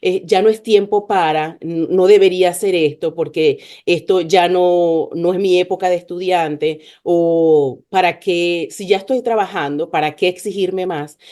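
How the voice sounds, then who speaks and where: A woman's voice: fairly low pitch, fairly even intonation, unhurried, hardly any pauses, mellow. A woman hosting a podcast interview, speaking with many hesitant fillers and restarts. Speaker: podcast host.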